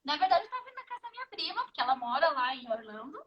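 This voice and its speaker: A Brazilian woman in her fifties with a Brazilian Portuguese accent and a notably high voice. As an interview guest she tells her stories with energy and acts out every exchange herself. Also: very fast, dull audio. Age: 50s. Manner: animated storyteller who acts out the dialogue. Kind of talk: casual interview chat.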